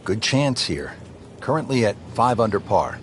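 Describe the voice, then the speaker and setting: A man's voice: fairly low pitch, sing-song, normal speed, slight background noise. A man working as a golf commentator, calling play as a composed lead announcer in a video game. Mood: composed commentary. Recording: crowd ambience and music behind.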